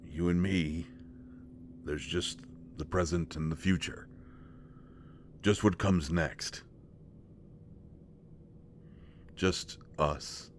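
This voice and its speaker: Tender and reflective, a low-pitched man voices a devoted, gentle and awkward companion in a one-sided intimate roleplay drama, his speech halting and stammering. A little hiss or hum sits under the recording.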